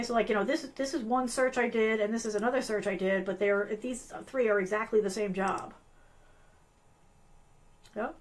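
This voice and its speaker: A woman hosting a live online tutorial, losing her voice, chatty and apologetic, with lots of fillers and restarts. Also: mid-range voice. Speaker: host of a live business analyst show. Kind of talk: casual live-stream tutorial.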